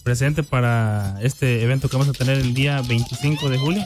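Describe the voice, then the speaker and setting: Un hombre invitado en una entrevista de radio, que habla tranquilo y sencillo. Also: male voice, mid-range voice, fairly even intonation, a little fast. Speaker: guest, content creator. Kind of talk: radio interview. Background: music.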